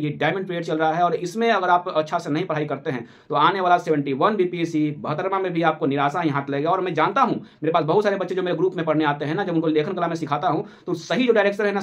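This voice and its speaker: A male coaching teacher, giving an urgent motivational talk to exam aspirants and repeating his warnings. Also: fairly high pitch.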